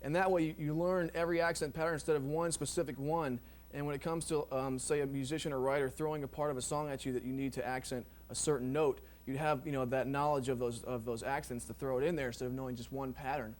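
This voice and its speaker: A man teaching drum technique in a relaxed, rambling way, full of ums and you knows. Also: mid-range voice, quick pace, hardly any pauses, slight background noise. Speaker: drum instructor. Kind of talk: casual instructional explanation.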